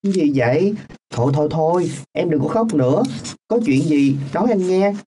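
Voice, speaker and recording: A woman's voice: deep voice, animated, moderate pace, dark tone, a little hiss or hum. A woman voicing a poor teenage boy who sells lottery tickets, speaking in a coaxing, brotherly way in a radio drama.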